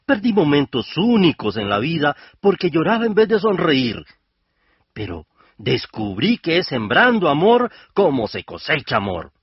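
Man, reflective narration, lively pitch, husky, dry lo-fi sound. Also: no echo. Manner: earnest, measured, rising toward the end. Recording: dull lo-fi radio recording.

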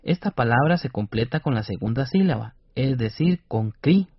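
A man with a slightly husky voice co-presents a radio reading lesson, explaining each step carefully and sounding out syllables slowly and distinctly. The studio sound is dry and a little dull. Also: mid-range voice, lively intonation, dry recording. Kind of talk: scripted educational radio lesson.

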